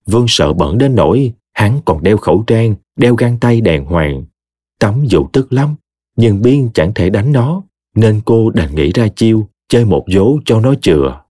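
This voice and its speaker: Expressive low-voiced male storyteller. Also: unhurried, no echo, clean studio sound. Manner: expressive, dramatic reading. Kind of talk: audio story narration.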